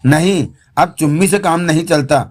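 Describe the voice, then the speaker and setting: A man's voice: a little high, moderate pace, natural voice. A man voicing a greedy, wheedling fellow who coaxes and sulks, in an audiobook. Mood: coaxing. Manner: coaxing, sulky.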